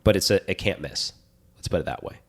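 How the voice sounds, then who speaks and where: A man's voice: sits low, fast talker, creaky, husky. A man co-hosting a podcast, talking in an enthusiastic, rambling way. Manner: enthusiastic, rambling, animated storytelling. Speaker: podcast co-host. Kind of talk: casual chat.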